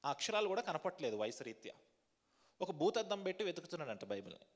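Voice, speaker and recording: A pastor with a slightly high voice speaks fast and in a sing-song way, preaching a sermon in a large church hall. He asks the congregation questions and leads a fervent prayer with a repetitive cadence.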